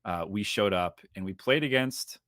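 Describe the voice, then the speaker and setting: Lower-pitched upbeat male podcast host. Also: no room sound, clean studio sound. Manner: energetic, jokey, fast-talking. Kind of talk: casual podcast chat.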